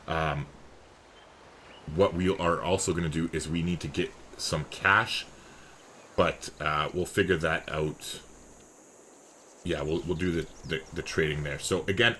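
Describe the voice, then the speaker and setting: A man's voice: low voice, bright, forceful tone, slight background noise. A man giving casual, enthusiastic strategy game commentary, chatty and swearing freely.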